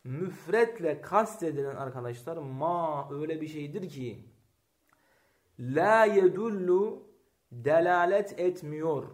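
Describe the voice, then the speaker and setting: Man, grammar teacher with a high voice, class lesson, echoey room, keeps quizzing the class. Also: lively intonation, unhurried. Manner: asks students rhetorical questions; reads Arabic text aloud, then explains.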